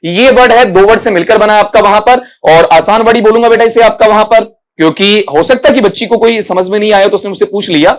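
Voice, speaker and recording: A man teaching English phonetics for an exam, answering students' questions and repeating each word slowly to model its sound. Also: high-pitched. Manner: repeats words slowly to model pronunciation, calls students beta. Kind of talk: exam-prep phonetics lesson.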